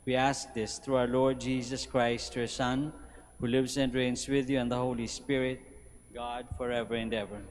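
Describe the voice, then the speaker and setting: A man leading liturgical prayers in a measured, solemn way, his voice carrying a cathedral echo in a large church. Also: mid-range voice, flat delivery. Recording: long cathedral reverb.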